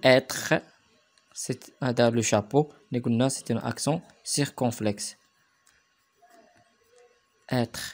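A man with a Moroccan Arabic accent teaches French to young pupils in a recorded remote lesson. His voice sits at an ordinary middle pitch, and he stretches out each word slowly and repeats it so the children can follow. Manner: spells words out slowly and repeats them for pupils.

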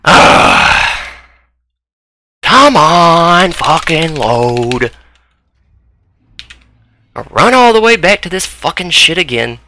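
Gravelly, bright-voiced man cursing at a game. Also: fairly high pitch, big pitch swings, extremely slow, long pauses, a little hiss or hum. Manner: profane, frustrated outbursts at the game. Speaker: gaming video creator. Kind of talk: gameplay commentary.

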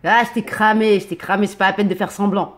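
A woman's voice: mid-range voice, fairly even intonation, fast, roomy sound. A woman hosting a casual webcam chat, playful and teasing, sometimes singing lines at the strangers she meets. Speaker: video host chatting with strangers.

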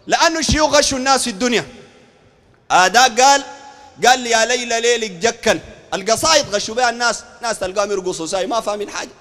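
A man with a Sudanese Arabic accent preaching a street sermon, animated and throwing rhetorical questions at his listeners. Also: very high-pitched, racing, long reverb tail. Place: outdoor market.

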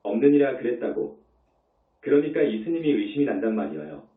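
A man's voice: medium pitch, sing-song, brisk. A man who is a Buddhist monk, giving a dharma talk in an emphatic way, repeating his points and asking rhetorical questions. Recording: tinny, echoey, distant.

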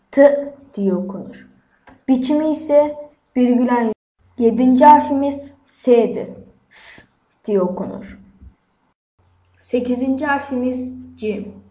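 A woman teaching an alphabet lesson, reciting each letter and its sound in a slow, deliberate way. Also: sits high, dark tone.

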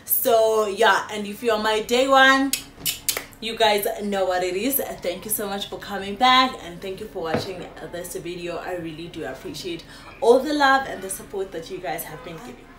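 Recorded on a phone camera indoors on a sofa in a small room, the clip has an echoey sound. A South African woman in her late twenties, a YouTuber, chats casually and warmly to her viewers in a Q&A vlog with many fillers, speaking at normal speed in a mid-range voice.

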